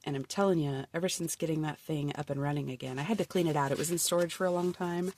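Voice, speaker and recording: Flipping through a journal she made by hand, this crafter talks fast in a deep, darkish voice, congested from a cold. She's casual and bubbly, though she keeps slipping into a murmur, and there's slight background noise.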